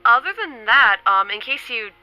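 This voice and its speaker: A woman with a fairly high, animated voice vlogs casually to camera from her home in New York City, speaking at a normal speed. She's chatty and upbeat despite being stuffy from a cold and coughing now and then. The audio is dull, with soft background music.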